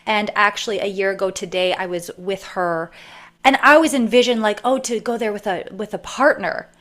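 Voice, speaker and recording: A woman's voice: mid-range voice, fairly even intonation, brisk, fairly bright tone. A woman from Canada, a podcast guest and author, telling a personal story in a chatty, rambling way with many fillers. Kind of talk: casual storytelling interview.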